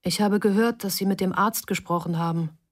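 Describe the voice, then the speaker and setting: A woman's voice: mid-range voice, fairly quick, natural voice. A woman reading the part of a tired, bewildered woman who phones about her little brother, speaking wearily. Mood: weary. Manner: weary and flat. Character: tired, bewildered young woman, caller's sister.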